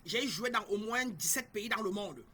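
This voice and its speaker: A woman's voice: mid-range voice, lively intonation, moderate pace, sharp tone, breathy edge. A middle-aged woman from Cameroon, a spiritual guide giving an emphatic, repetitive teaching talk and speaking straight to her listeners.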